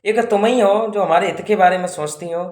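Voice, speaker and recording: Firm proud queen, guy preaching does her, roomy echo, bit high voice. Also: fairly quick, darkish tone, lightly acted. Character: proud queen, indignant then scheming. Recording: echoey roomy sound.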